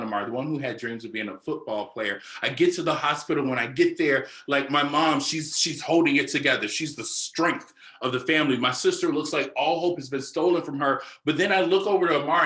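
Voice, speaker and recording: A young adult man giving a keynote speech, telling a story in an animated way and talking straight to the audience. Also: on the high side. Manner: animated, addresses audience directly as "y'all". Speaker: keynote speaker. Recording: roomy echo.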